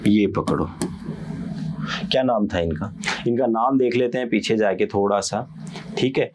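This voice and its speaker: A young man teaching commerce in a casual lecture, acting out a quarrel between business partners and their accountant, and often asking his students quick check-in questions. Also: on the low side, a little mellow, a little hiss or hum. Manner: acts out partners' quarrels with a CA in quoted voices. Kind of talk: casual Hindi lecture with playful storytelling.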